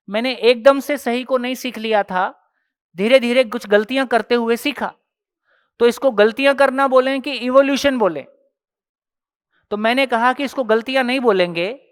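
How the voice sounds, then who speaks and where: A man leads a workshop session in a casual, conversational teaching style. His voice is smooth and resonant, and he keeps pressing the audience with rhetorical questions as he walks through everyday examples. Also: very high-pitched, a bit bright, in a large hall. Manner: explains step by step with everyday examples.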